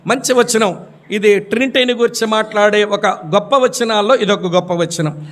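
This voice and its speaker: A preacher delivers a sermon through funny stories full of acted dialogue. He speaks straight to his congregation. His voice sits high for a man. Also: moderate pace, a bit bright. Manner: humorous storytelling with acted dialogue; addresses congregation directly.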